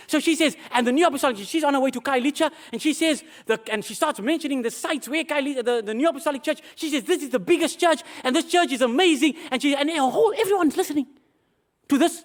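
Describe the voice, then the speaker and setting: High-voiced pastor telling a story. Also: male voice. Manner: animated, self-mocking storyteller, addresses congregation as beloved. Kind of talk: sermon testimony storytelling.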